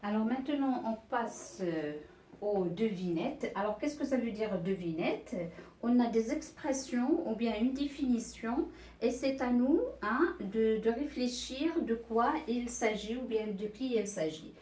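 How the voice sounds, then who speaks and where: A woman teaching a beginner French reading lesson, explaining slowly and patiently, often pausing with "euh" and asking the class to look. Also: on the high side, darkish tone, reverberant, far from the mic. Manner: slow, patient explaining with many "euh" and "regardez".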